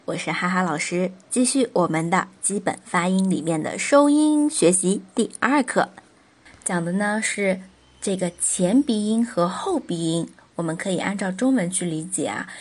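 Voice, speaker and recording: A woman teacher walks learners patiently through each sound in a pronunciation lesson. She explains every step before moving to the next. She says the example syllables slowly and draws them out so they are easy to copy. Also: medium pitch. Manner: slow, drawn-out model pronunciations of sounds. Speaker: Korean language teacher.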